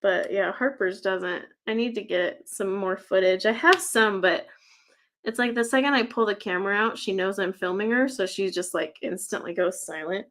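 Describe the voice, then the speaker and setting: A woman's voice: mid-range voice, normal speed, a bit bright. A woman hosting a casual livestream, chatting loosely while she works on a craft, with lots of "like" and "um" and frequent laughter. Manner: chatty, rambling, laughs often; many fillers like "like" and "um". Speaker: livestream host.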